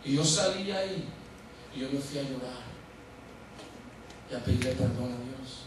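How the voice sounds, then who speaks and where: A male pastor, preaching a sermon, telling a personal story and acting out its dialogue before turning to earnest exhortation. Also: mid-range voice. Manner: acts out dialogue, then slows to earnest exhortation. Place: large church sanctuary. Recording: very echoey hall, distant mic, noisy.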